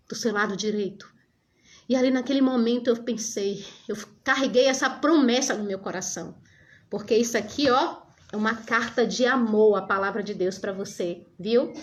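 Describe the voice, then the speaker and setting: A woman giving a fervent religious testimony, speaking straight to her listeners. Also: fairly high pitch. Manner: fervent, addresses listeners as brothers and dear ones.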